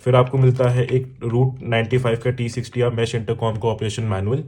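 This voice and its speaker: Against a noisy background, a man with an Indian accent speaks briskly at a medium pitch in a level tone. He's a motorcycle vlogger and product reviewer giving a casual unboxing that mixes Hindi and English, explaining to the viewer directly with examples and check-ins.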